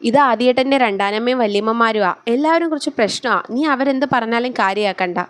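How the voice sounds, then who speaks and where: A soft-spoken young bride with a gentle, affectionate way of talking, as a female storyteller voices her. The voice sits fairly high and is recorded dry and close. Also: a little fast, no room sound, natural voice. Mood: amused.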